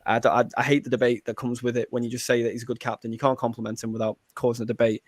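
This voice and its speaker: A man's voice: medium pitch, flat delivery, dry recording, clean studio sound. A man on a football podcast panel, talking earnestly with frequent restarts. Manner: fast, earnest, stumbles on restarts. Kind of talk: casual football chat.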